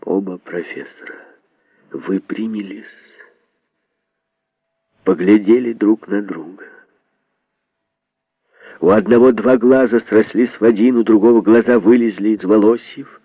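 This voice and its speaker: A man giving a measured literary reading with dramatic pauses, on a dull, lo-fi recording. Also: on the low side, dry recording. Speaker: reader. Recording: dull lo-fi dry sound.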